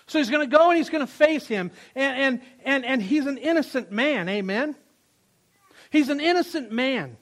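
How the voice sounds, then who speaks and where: A man preaching a sermon in a strikingly high voice. He is emphatic and repeats his phrases, swelling loud and then falling quiet. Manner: emphatic, repeats phrases, rises and drops in volume. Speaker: pastor.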